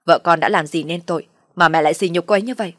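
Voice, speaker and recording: Brief: woman playing a young husband in an audio story, firm and low-pitched. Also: racing, dry recording, clean studio sound, lightly acted. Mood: firm, exasperated. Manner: firm, raised voice. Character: young husband defending his wife.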